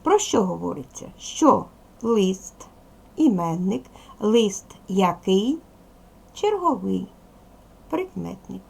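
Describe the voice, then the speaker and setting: Woman as a Ukrainian primary teacher, animated sing-song delivery, gravelly husky voice. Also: medium pitch, slow pace, pauses often. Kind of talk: video lesson for second graders.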